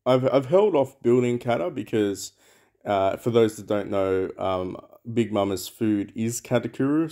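A mobile game channel host rambles casually over gameplay, thinking aloud with lots of fillers. His voice is fairly low and warm.

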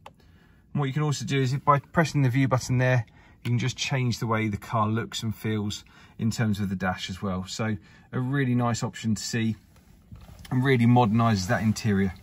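A man's voice: medium pitch, steady tone, moderate pace. A man giving a casual walkaround of a used car in an indoor showroom, filmed on a handheld camera. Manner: upbeat salesman patter, filmed while walking. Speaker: car dealer presenting a used car. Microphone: camera held by the speaker.

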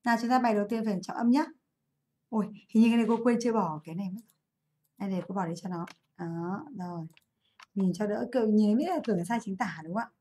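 A woman teaching English in a live online class, chatty and quick to correct her own slips, speaking English words. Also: medium pitch, warm tone. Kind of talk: live online class, going over an exam.

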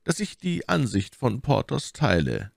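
A composed, pious musketeer speaks in a somewhat raised, measured voice, as a male reader puts him on. It is lively in pitch and recorded dry. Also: gravelly, no room sound, heavily acted.

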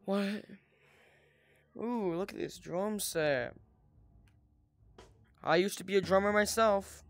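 A man doing casual game commentary as a video host, rambling haltingly and often interrupting himself. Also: high voice.

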